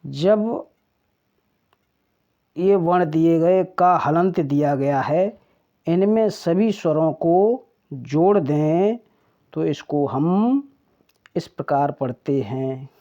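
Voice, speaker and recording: A teacher giving an alphabet lesson, pronouncing each sound in a deliberate, drawn-out way. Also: mid-range voice, mellow. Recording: dull lo-fi recording.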